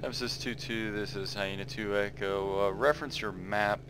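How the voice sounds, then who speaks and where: Squad radio operator: male, lowish pitch, halting procedural delivery, slight background rumble. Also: fairly even intonation. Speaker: radio operator in a military simulation game. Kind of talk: military radio calls and casual gamer chat.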